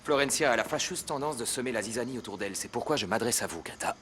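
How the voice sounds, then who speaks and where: An actor playing a stern, formal young head of a household in a French TV dub. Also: male voice, medium pitch, expressive, fast talker, fairly bright tone, slight background noise, lightly acted.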